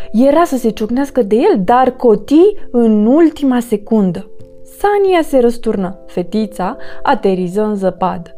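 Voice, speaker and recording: A woman narrating a children's storybook, lively and expressive. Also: on the high side. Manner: lively, expressive read-aloud.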